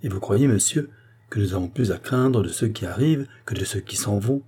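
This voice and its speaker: A man's voice: lowish voice, animated, fairly quick, warm tone, breathy edge. A man voicing a proud, doubting queen in a French audiobook reading, haughty and incredulous. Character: proud doubting queen, woman, middle-aged.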